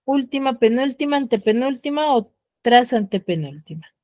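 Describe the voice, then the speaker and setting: A woman teacher giving an online class, often stopping to check that students follow and slowing down to stress key rules. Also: on the high side, animated, darkish tone, dry recording. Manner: checks understanding with frequent "ya?" and "sí?".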